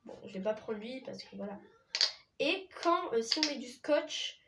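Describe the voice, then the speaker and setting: A woman's voice: on the high side, expressive, moderate pace, roomy sound, heavy background noise. A young woman chatting casually while trying skincare products, rambling, humming and singing bits. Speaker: beauty vlogger. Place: small room with a dark curtain.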